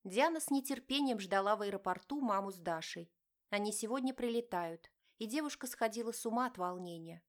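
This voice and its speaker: A woman narrating a romance novel as an audiobook, in an even, measured reading. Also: mid-range voice. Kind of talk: scripted narration.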